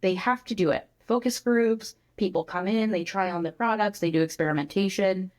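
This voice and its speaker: A woman who is a guest on a podcast, explaining her ideas in an animated, casual way with many filler words. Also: mid-range voice, fairly quick. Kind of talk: conversational interview.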